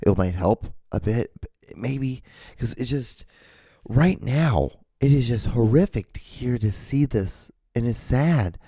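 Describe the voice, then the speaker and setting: A man from Honduras hosting a podcast, talking through a casual monologue in an emphatic, halting way, with many restarts and fillers. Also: medium pitch, lively intonation, dark tone, slightly rough, no room sound, clean studio sound. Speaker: podcast host.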